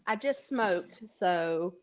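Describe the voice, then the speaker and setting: A woman's voice: fairly low pitch, animated, very slow, noisy background. Casual woman streamer, rambling, slightly foggy, muffled lo-fi audio. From Florida. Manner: rambling, a bit foggy, coughing. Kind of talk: casual live-stream chat. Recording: dull lo-fi audio.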